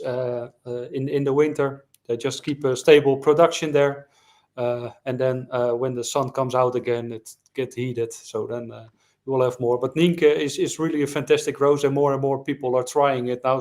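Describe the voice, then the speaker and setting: A man hosting an online flower show, chatting casually and reading out viewer comments. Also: medium pitch. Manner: relaxed, reads out viewer comments. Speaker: show host. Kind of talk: casual interview chat.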